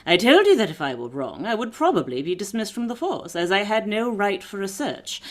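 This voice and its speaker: A woman playing a shrewd, composed aristocratic lady detective in a period mystery radio drama, measured and authoritative. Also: mid-range voice, natural voice. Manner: measured, authoritative, deliberate explaining.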